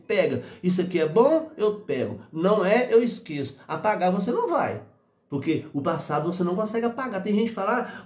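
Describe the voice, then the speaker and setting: High-voiced man giving a motivational talk. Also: echoey room. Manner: acts out quoted voices and laughs often. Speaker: motivational speaker. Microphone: phone selfie camera.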